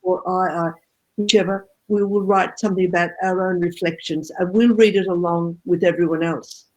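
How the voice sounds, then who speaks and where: A woman co-hosting a casual group discussion over a video call, often pausing to search for words and readily agreeing with the others. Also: on the low side, fairly even intonation, low-quality recording. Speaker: co-host.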